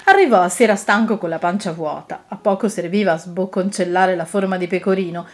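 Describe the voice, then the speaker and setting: A woman reading a children's story aloud in an expressive, gently lilting manner. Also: lowish voice, a little fast.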